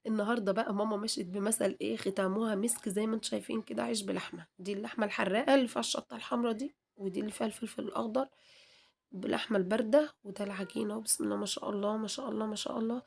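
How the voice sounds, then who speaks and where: A woman with an Egyptian accent, hoarse from a cold, chatting to viewers in a home kitchen cooking vlog and adding long prayers. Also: mid-range voice, steady tone, rapid-fire, darkish tone. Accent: Egyptian Arabic.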